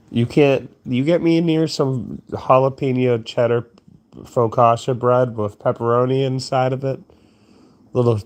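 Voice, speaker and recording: Drowsy, slow-talking, cursing young man. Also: mid-range voice, darkish tone. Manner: drowsy, crude and meandering, yawning. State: sleepy. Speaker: streamer. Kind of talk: rambling late-night monologue.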